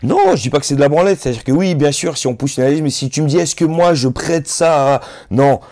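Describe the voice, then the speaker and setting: A man in his thirties who isn't a native French speaker talks loosely and with plenty of slang, sprinkling in "tu vois," as a rapper guest in a sit-down interview. His voice sits on the high side with a darkish tone, and he speaks fast. The casual chat is recorded with studio quality and no echo.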